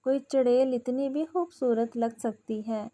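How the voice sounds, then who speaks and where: A woman's voice: a little high, steady tone, dark tone, natural voice. A woman reading as a teasing young husband.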